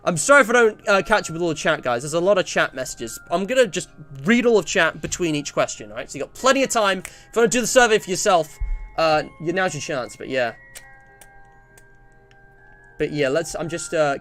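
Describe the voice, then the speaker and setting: Over soft background music, a twenty-year-old English man chats casually on a livestream in a slightly high, somewhat bright voice, animated and fairly quick. He reads out survey and viewer messages, rambling and breaking off his own sentences as he reacts.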